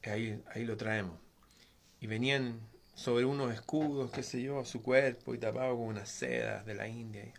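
A man's voice: medium pitch, steady tone, normal speed, vocal fry, few pauses. A man telling a folk tale in a casual, conversational way, with frequent asides and digressions. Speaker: storyteller. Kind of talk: casual oral storytelling.

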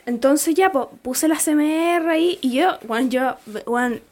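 A woman's voice: high voice, measured pace, darkish tone. A teenage girl with a Chilean accent, co-hosting a casual podcast and telling stories with frequent laughter. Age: teens. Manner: chatty, laughs often, storytelling. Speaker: podcast co-host. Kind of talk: casual chat.

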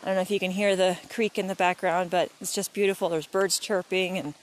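A vlogger and mother of young kids chats to her viewers on an early morning walk beside a creek in the woods. Her fairly low, steady voice moves a little fast over slight background noise as she speaks directly to viewers in a casual, encouraging, motivational way.

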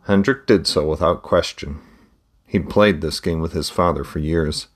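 Man narrating a storybook, deep voice, measured reading. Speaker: audiobook narrator.

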